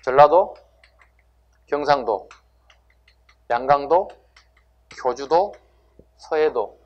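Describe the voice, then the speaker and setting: A man's voice: a little high, lively intonation, extremely slow, lo-fi sound. A man teaching history to exam students in a classroom lecture, asking rhetorical questions and answering them himself with emphasis.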